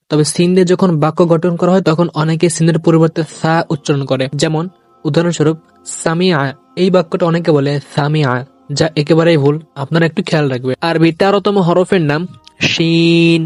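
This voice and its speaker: A man teaching Arabic letter sounds in a video lesson, saying each letter slowly and then repeating it for learners to copy. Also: a little high, steady tone, darkish tone, no room sound, soft background music.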